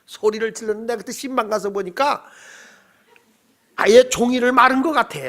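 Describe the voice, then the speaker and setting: A man preaching a night-service sermon in a church, lively and firing questions at the congregation. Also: very high voice, moderate pace. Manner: animated, quizzes the congregation. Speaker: pastor.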